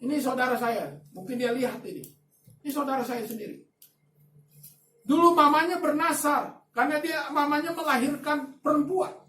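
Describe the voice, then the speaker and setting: A man preaching a sermon as a pastor, telling a story with lively swings between soft asides and loud emphatic bursts. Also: very high voice, moderate pace. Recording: echoey room, voice from a distance, faint ambience.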